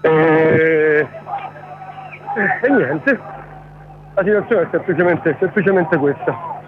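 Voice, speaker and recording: A man reporting live by phone from a street, talking haltingly and repeating words as he goes. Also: fairly high pitch, animated. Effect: heard over a phone line. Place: outdoors in a street amid a crowd. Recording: tinny phone line with street noise.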